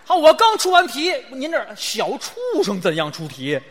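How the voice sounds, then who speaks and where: Male crosstalk comedian, wry foil, very lively pitch, slow couplet recitals, live hall echo. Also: husky. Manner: wry straight man, teasing retorts, recites couplets slowly. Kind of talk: xiangsheng crosstalk performance.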